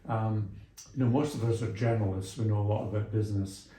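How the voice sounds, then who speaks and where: A middle-aged or older man from Scotland and England, a small business mentor and executive coach, is interviewed as a guest. He explains through anecdotes in a conversational, somewhat hesitant way, speaking fast in a lowish, mellow voice with fairly even intonation. The sound is roomy and echoing, with slight background noise.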